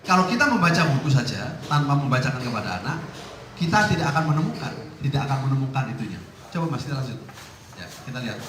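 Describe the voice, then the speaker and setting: A middle-aged man, an Islamic teacher, giving a lively parenting talk to parents in a small prayer room. He swings between loud emphasis and soft asides. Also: medium pitch, quick pace. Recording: echoey room with faint ambient noise.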